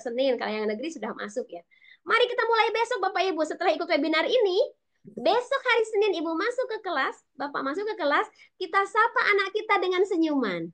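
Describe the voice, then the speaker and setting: A woman from West Java with a Sundanese-tinged accent. She gives a lively webinar lecture to teachers, talking fast and animated and addressing her listeners directly over a video call mic. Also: very high voice. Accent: Sundanese-influenced Indonesian. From West Java, Indonesia (Sundanese). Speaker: teacher educator speaking at a webinar.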